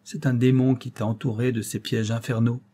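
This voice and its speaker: A young officer in an audiobook tale, as a male narrator does him, speaking with tender earnestness. The voice is mellow and dark with a husky grain. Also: medium pitch, little pitch movement, a little fast, lightly acted.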